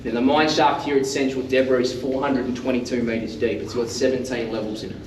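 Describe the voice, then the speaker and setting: An Australian man guiding a group tour in a loud, projecting teacher voice, with informal, jokey patter. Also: medium pitch, flat delivery, quick pace, distant mic. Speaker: underground mine tour guide. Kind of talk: guided tour talk to a group. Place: underground mine tunnel. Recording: echoey underground space, off mic, faint noise.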